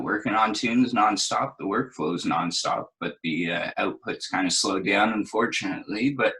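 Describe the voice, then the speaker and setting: A man's voice: medium pitch, sharp tone, poor audio. A young man chatting casually as a guest, laid-back and rambling, with lots of fillers. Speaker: guest DJ and producer. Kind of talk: casual chat.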